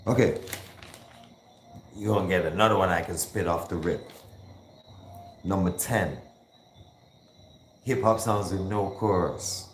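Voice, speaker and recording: A man hosts a hip hop call-in show, laid-back and slangy, chatting casually as he counts down songs and sometimes breaks into rapping. His voice is low-pitched and unhurried with long pauses, recorded in an echoey room with faint background noise.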